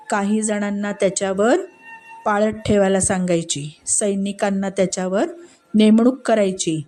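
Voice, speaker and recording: A woman's voice: mid-range voice, warm tone, lightly acted. A woman storyteller voicing a cunning royal woman who lays out a plot in a sly, conspiratorial way. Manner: sly, conspiratorial, explaining a plan.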